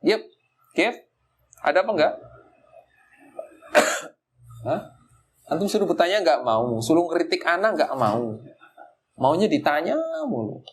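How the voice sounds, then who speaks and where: Animated male study-circle teacher, higher pitch, mimics listeners, light background hiss. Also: slow, pauses often. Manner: animated, acts out listeners' reactions in quoted asides. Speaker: Islamic teacher. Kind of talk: religious study circle talk. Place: community study gathering in a housing estate.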